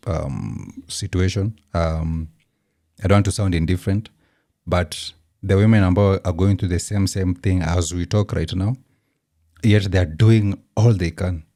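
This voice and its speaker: A man's voice: low voice, dark tone, dry recording, studio quality. A Kenyan man with a Kenyan accent, hosting and reacting casually, switching between English and Swahili slang with frequent ums. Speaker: show host reacting to a clip.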